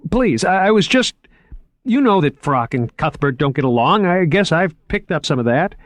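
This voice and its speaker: A man voicing an eager, shy young male museum curator who talks fast and stammers when he gets flustered. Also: fairly high pitch, very animated, no echo, studio quality, voice pushed up.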